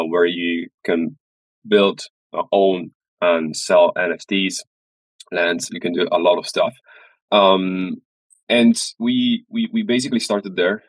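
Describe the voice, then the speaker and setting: Male interview guest, very deep, halting, dry close sound. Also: dry recording, rough recording. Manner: halting, many uh fillers and repeats. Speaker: guest, studio founder. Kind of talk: interview answers.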